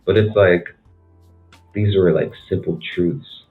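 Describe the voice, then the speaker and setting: Deep-voiced rambling man on a tinny laptop mic. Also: fairly even intonation, slow, faint music behind. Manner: rambling, full of "like". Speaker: podcast guest. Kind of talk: casual chat. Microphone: laptop mic on an online call.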